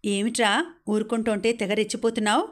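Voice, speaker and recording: A woman's voice: mid-range voice, fairly even intonation, fairly quick, close to an everyday voice. A woman reading the lines of a stubborn, domineering middle-aged father in a storybook reading, harsh and scolding.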